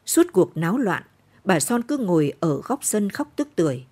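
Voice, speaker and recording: A woman narrating a novel for late-night radio in a steady, measured storytelling manner. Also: on the low side, breathy edge.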